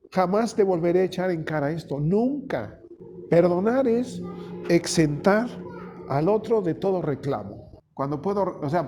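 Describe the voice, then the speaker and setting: A man's voice: on the high side, dark tone, a little hiss or hum. A man preaching a conversational sermon, folksy and often asking his small congregation questions. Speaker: pastor.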